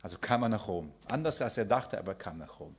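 A man preaching a sermon to his congregation, emphatic, often swinging between loud and soft and acting out the people he quotes. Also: fairly low pitch, expressive, fast talker, husky. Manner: emphatic, acts out quoted voices and shifts loudness often.

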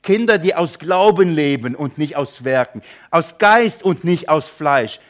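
A male pastor works through a Bible passage verse by verse, in a slightly higher-than-usual voice. He keeps throwing rhetorical questions at his listeners and now and then acts out imagined objectors. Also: lively intonation, measured pace. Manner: rhetorical questions to listeners, addresses them as friends.

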